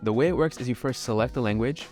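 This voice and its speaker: A man hosting a video, giving a clear scripted tutorial narration that explains each step in order. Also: mid-range voice, quick pace, a little mellow, faint music behind. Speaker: video host.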